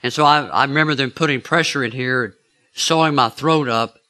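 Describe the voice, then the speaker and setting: A man's voice: medium pitch, normal speed, pushed and bright. A man preaching, telling a personal story in a chatty way and asking his listeners questions. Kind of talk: storytelling sermon.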